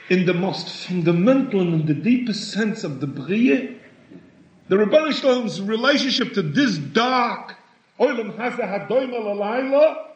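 Halting, lively-voiced man giving a sermon. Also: high voice. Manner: halting, repeats words, expressive rising emphasis. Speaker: rabbi. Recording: echoey room, dull lo-fi sound.

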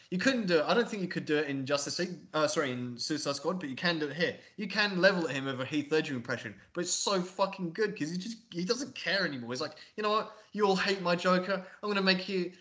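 A man co-hosting a podcast, chatting casually about a film in a rambling, excitable way with lots of swearing. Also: fairly high pitch. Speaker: podcast co-host. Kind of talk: casual film review chat.

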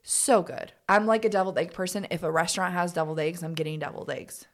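A young adult woman co-hosting a casual podcast, animated and full of fillers as she chats. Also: fairly low pitch, fast talker. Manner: animated, bubbly, lots of fillers. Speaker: podcast co-host. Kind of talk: casual chat.

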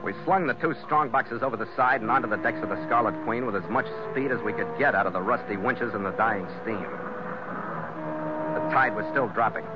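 An actor playing a tough, terse ship's skipper in a hard-boiled 1940s radio style. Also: male voice, fairly low pitch, brisk, loud music behind the voice, natural voice. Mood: grim, measured. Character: tough, weary, decisive male ship's skipper. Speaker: lead actor and narrator. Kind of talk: 1940s radio acting with first-person narration. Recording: muffled, very noisy old radio recording.

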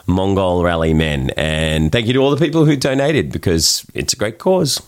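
A man's voice: deep voice, animated, moderate pace. An Australian man chatting as a podcast guest, telling things in an informal, matey way. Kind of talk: casual conversational storytelling.

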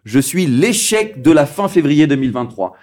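Un homme qui anime un jeu radio, lisant les énigmes avec emphase théâtrale. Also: male voice, a little high, big pitch swings, a little mellow. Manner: theatrical, drawn-out riddle reading. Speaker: game show host. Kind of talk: radio quiz hosting.

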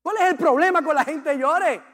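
A man's voice: extremely high pitch, normal speed, a bit bright. A man preaching a sermon as a pastor, impassioned and repetitive as he urges the congregation on. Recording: long reverb of a large hall.

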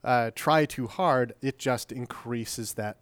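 A man's voice: mid-range voice, fairly bright tone, clear, resonant tone, no echo. A man in a casual podcast discussion, working through his points with care. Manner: thoughtful, builds points slowly. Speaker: podcast co-host.

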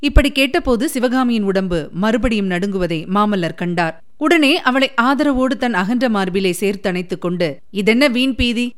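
Clear-voiced woman narrating an audiobook. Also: medium pitch. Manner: measured, expressive storytelling. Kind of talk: scripted narration.

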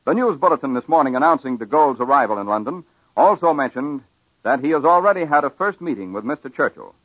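An American man reading wartime news bulletins in a formal, measured 1940s radio newsreel manner, on an old broadcast recording. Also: medium pitch, fairly bright tone, no echo, dull audio. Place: radio news studio, dry sound.

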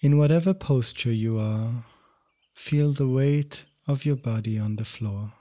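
A man with a medium-pitched voice teaches yoga nidra. He guides the meditation in gentle, measured phrases without any hurry.

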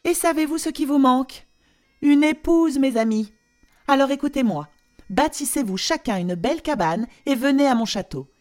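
A woman voicing a loud, bossy, plump queen from a storybook, exclaiming and scolding in a shrill voice. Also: animated, normal speed.

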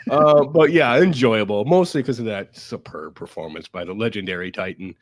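A man who sounds slightly hoarse and sick with a cough, giving halting, emphatic, sweary film reviews in casual chat. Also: lowish voice, no room sound. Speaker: podcast co-host.

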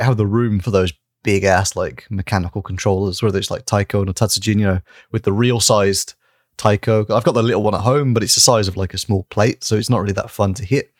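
Low-voiced man in loose podcast chat. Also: fairly even intonation, quick pace, no echo, studio quality. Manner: loose and chatty, laughs often, casual swearing. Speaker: podcast co-host. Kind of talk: casual chat.

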